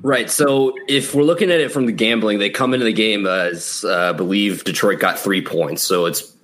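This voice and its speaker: Casual low-voiced American podcast guest. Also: male voice, moderate pace, a bit bright. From Chicago area, United States. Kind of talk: casual sports chat.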